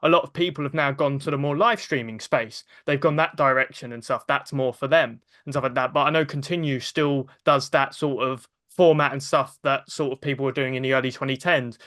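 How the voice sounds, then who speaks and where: Bright-voiced British man hosting. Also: mid-range voice, no echo, clean studio sound. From Britain. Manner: rambling, heavy on filler phrases. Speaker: podcast host. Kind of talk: casual interview chat.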